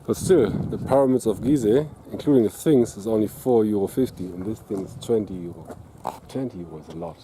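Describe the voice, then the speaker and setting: Man vlogging over loud street noise. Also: on the low side, brisk. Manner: rambling, hesitant, with many uh's. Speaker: travel vlogger. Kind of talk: casual travel vlog commentary. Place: outdoors in a busy city. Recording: noisy outdoor city recording. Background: street noise and traffic.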